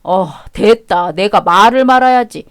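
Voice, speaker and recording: A woman's voice: mid-range voice, a little slow, smooth, no echo, clean studio sound, close to an everyday voice. A woman voicing a stingy, defensive husband. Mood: dismissive. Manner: dismissive, irritated arguing. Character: selfish stingy married man, defensive. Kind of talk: radio drama acting.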